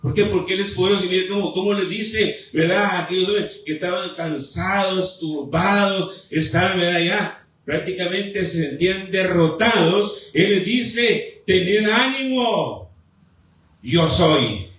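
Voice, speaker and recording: High-voiced fervent man preaching. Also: steady tone, fairly bright tone. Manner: fervent preaching with pauses and repeated appeals. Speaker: pastor. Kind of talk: sermon. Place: church sanctuary. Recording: echoey church hall, mic at a distance.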